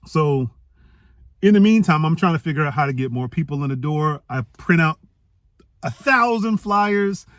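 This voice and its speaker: Male storyteller, slightly high voice, animated, acts out dialogue, dry close sound. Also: moderate pace, no room sound. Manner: animated, acts out quoted dialogue with pitch jumps. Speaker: speaker telling a personal story. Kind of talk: storytelling talk.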